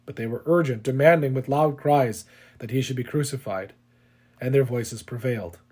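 A man giving a measured, solemn scripture reading, unhurried and steady. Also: mid-range voice, slightly rough. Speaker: scripture reader.

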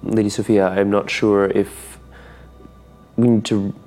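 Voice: sits low, flat delivery, unhurried, dark tone. A tabletop game player chatting casually and talking in character about the game. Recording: reverberant hall, faint music behind.

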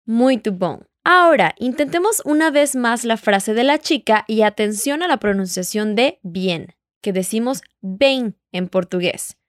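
A woman leads an audio language lesson, her voice sitting a little high. She speaks patiently and keeps prompting the listener to repeat after her. The sound is close and dry, with no room around it. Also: expressive, unhurried, hardly any pauses, dry recording. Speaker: Portuguese teacher.

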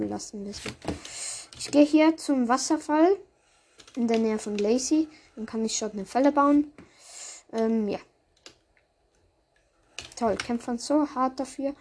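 A woman with a fairly high voice commentates her own video game play in a casual way. She reacts aloud in short bursts as she plays. Noise and keyboard clicking sit behind her voice. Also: takes it slowly, pauses often, a little mellow. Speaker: gamer commentating own gameplay. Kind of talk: casual live gameplay commentary.

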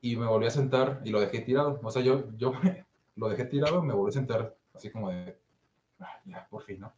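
A young Mexican man tells a story in casual chat, slipping into the voices of the people he describes. The room is echoey and a faint noise sits behind him. His pitch stays in the middle range. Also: fast, a little mellow. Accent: Mexican Spanish. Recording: roomy echo, faint noise.

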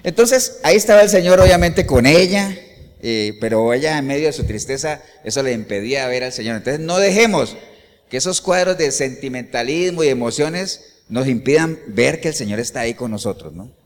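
A male pastor delivering an animated sermon, often putting rhetorical questions to the congregation. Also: mid-range voice, a little fast, big-room sound.

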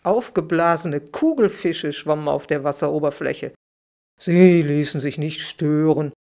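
A middle-aged woman who writes children's books reads her own bedtime story for a podcast, lively and expressive, her voice sitting low at a measured pace.

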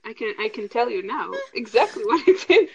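A woman's voice: a little high, very animated, brisk. A woman co-hosting a podcast in casual chat, teasing her co-hosts dryly between giggles. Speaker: podcast co-host. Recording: loud background noise.

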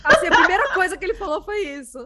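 A woman with a very high voice reacts to a friend's story with quick exclamations and comments. She sounds somewhat far from the mic, and the hum of a crowd is clearly heard behind her. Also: lively intonation. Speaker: interviewer or conversation partner. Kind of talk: casual chat, reacting to a story.

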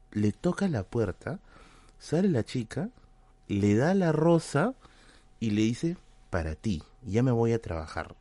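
A Peruvian man spins a casual anecdote for his stream chat, his pitch swinging up and down as he talks. His delivery is slangy and chatty, full of little check-ins to the audience. The sound is dry and close, with no room around it. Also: dark tone, no echo. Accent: Peruvian Spanish. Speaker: livestream host.

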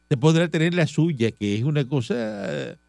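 A man's voice: fairly high pitch, sing-song, a little slow, gravelly, a little mellow, no echo. Pompous Cuban man with a dry voice. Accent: Cuban Spanish. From Cuba. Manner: pompous, bossy, scolding. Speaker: radio show host. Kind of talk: comedic talk radio banter.

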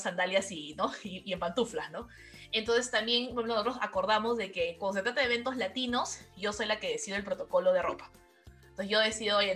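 A Peruvian woman speaks as an interview guest in a bright, forward voice, with her Peruvian Spanish accent clear in her speech. She tells anecdotes in a casual, lively way, often quoting what her partner said back to her. Faint music plays behind her. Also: mid-range voice. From Peru. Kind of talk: casual conversational storytelling.

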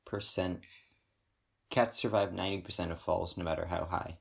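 A woman with an unusually deep, husky voice talks casually on a podcast. She explains things in a dry, matter-of-fact way, with a low, grainy tone. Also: steady tone, moderate pace. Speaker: podcast co-host. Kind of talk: casual chat.

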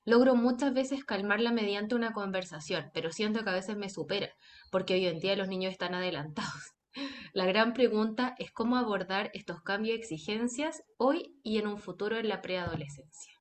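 A woman host reads a listener's letter aloud, stressing key words with animated delivery. A faint background hum sits behind her voice. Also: medium pitch, moderate pace. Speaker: podcast host. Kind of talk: reading a listener's question aloud.

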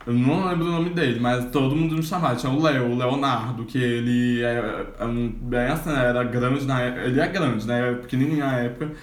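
A man's voice: mid-range voice, fairly even intonation, brisk, hardly any pauses. A man co-hosting a casual podcast, telling rambling, roundabout stories. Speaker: podcast co-host. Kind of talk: casual chat. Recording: echoey room, faint noise.

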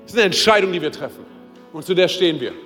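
Casting note: a man, pastor at a service, lively preaching, slightly high voice, hall reverb with faint music under it. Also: quick pace. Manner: casual, direct, keeps saying hey and oder; builds to loud, high-pitched urgency. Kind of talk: sermon. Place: church service.

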